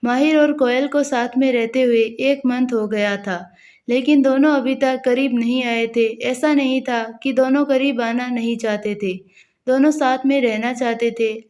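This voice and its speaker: A woman's voice: fairly high pitch, a little mellow. A woman reading a dramatic family story aloud as a storyteller, voicing the characters in her own voice with little change. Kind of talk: scripted story narration.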